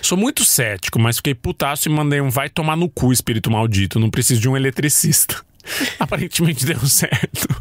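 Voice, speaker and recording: Animated and a little fast, this Brazilian podcast host reads out listener stories in a casual, chatty format. He's playful, tossing in jokey asides with big swings in pitch, and the dry recording has clean studio sound.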